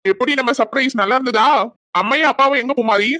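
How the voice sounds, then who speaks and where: A woman's voice: on the high side, quick pace, heavy background noise, close to an everyday voice. A woman voicing a cheerful young man in a cartoon who has come home from abroad and reassures his mother. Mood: reassuring.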